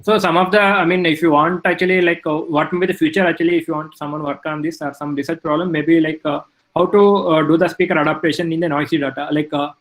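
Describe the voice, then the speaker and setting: Halting male lecturer, higher voice. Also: steady tone, poor audio. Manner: halting, many fillers. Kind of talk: technical lecture.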